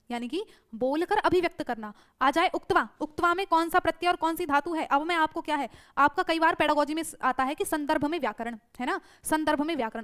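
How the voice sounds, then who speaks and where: A woman's voice: high-pitched, fairly bright tone. A woman teacher giving an online exam-prep lecture, drilling students with repeated rhetorical questions.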